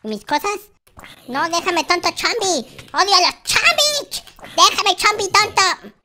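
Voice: very high voice, lively intonation, unhurried, noisy background. A performer voicing a timid but boastful baby noob boy in a Minecraft gameplay video, talking in childish baby talk with a lisp. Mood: nervous. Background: faint background music.

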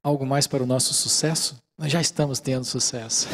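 In a big auditorium, a middle-aged man from Brazil gives a relaxed mindfulness lecture that includes audience questions, holding a handheld microphone. He explains calmly at normal speed in a mid-range voice, speaking Brazilian Portuguese with plenty of "né" fillers and frequently checking in with listeners.

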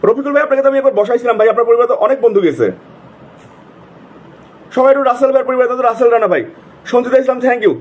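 Hosting a live stream, a man with a very high, darkish voice races through viewers' names at breakneck speed, his tone steady but broken by long pauses. All the nonstop calling has left his throat sore, and he urgently repeats every plea over and over.

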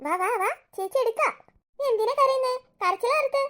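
A kind teenage big sister coos and gushes over a little baby, voiced by a woman. Her voice is very high and bright, the way a cartoon girl talks. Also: a little fast. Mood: cooing. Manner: gushing, cooing. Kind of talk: cartoon voice acting.

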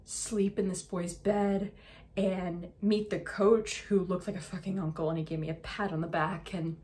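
A young woman performing a dramatic monologue as a hurt, defensive, angry teenage girl, with an upset, halting, naturalistic delivery. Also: fairly low pitch, steady tone, a little mellow, lightly acted. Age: young adult. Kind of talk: contemporary dramatic monologue, naturalistic stage acting. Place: small plain indoor room.

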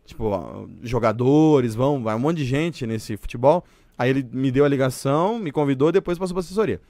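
A young Brazilian man, a podcast guest, telling stories in a loose, animated way full of swearing. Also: mid-range voice, a little fast, no echo. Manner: animated, swears a lot, acts out quoted voices. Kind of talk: casual podcast storytelling.

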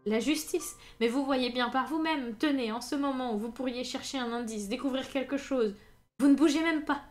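A woman's voice: moderate pace, lightly acted. A woman voicing a wealthy older male baron who is frantic and panicked, reading a story aloud. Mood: despairing. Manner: shrill, frantic outbursts.

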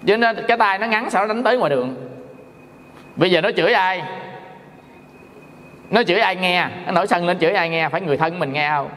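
A middle-aged monk from Vietnam gives a dharma talk in a fairly high voice. He jokes and acts out small quarrels. His words ring out with a long reverb in a large hall. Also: brisk, pauses often, fairly bright tone. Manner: folksy, joking, acts out quarrels. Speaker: Buddhist monk teacher.

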